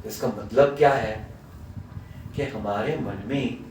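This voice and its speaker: A man's voice: lowish voice, takes it slowly, a little mellow, slight background noise. A man, a spiritual teacher, tells a religious story as a sermon and acts out its characters. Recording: echoey hall, far from mic.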